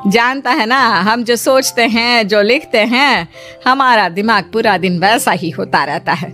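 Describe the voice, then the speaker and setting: An older mother gently scolds her grown son in a horror cartoon, voiced by a woman. Her voice sits a little high, with soft music behind it. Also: unhurried. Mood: scolding.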